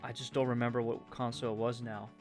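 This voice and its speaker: A man's voice: medium pitch, little pitch movement, fast talker. Rambling Canadian man chatting while building. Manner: rambling, with frequent fillers and trailing off. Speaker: streamer. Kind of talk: casual chat while building a Lego set. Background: faint game music.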